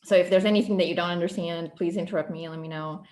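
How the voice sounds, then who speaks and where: A woman's voice: fairly low pitch, steady tone, very fast, a little mellow, echoey room. A woman from Portugal, a non-native English speaker, giving a guest presentation over a video call, fluent but with frequent ums and restarts. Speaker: guest speaker, program coordinator.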